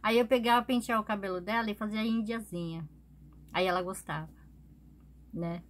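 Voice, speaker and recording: A woman's voice: medium pitch, moderate pace. A woman vlogger telling a personal story in a casual, chatty way, often adding little tag questions.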